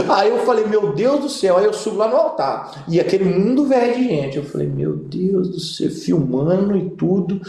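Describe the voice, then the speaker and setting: A young Brazilian man, a pastor, telling funny stories in a casual interview and acting out the voices of the people in them. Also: high-pitched. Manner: animated comic storyteller, acts out quoted voices. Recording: echoey room.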